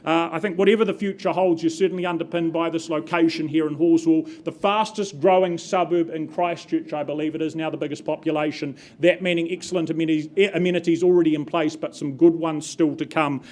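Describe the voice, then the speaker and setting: A woman's voice: low voice, steady tone, a little fast, hardly any pauses, a little mellow. A woman working as a live auctioneer, calling out bids and repeating figures in short phrases as she prompts bidders.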